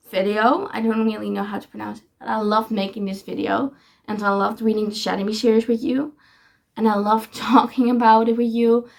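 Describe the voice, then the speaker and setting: A woman's voice: a little high, vocal fry. A woman chatting casually to her viewers in a reading vlog, gushing and repeating herself to reassure them. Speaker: book vlogger.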